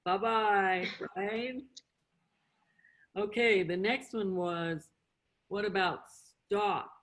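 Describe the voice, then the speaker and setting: Her voice is medium-pitched, steady and fairly bright, and she speaks extremely slowly. This middle-aged woman, whose first language is English, interprets and teaches sign language, and in an informal lesson for beginners she breaks things into short, simple steps, repeating points and asking questions to make sure learners follow.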